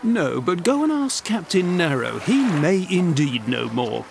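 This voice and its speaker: A man's voice: on the high side, sing-song, unhurried, heavily acted. A man voicing a smug genie turned psychotherapist in a video game, wordy, affected and condescending. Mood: helpful, haughty. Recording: music clearly behind.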